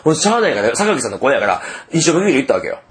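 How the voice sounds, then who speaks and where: A man's voice: medium pitch, big pitch swings, rapid-fire, a bit bright. A man with a Kansai accent hosting a radio show, telling a story in casual chat and acting out the voices of people he quotes. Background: background music.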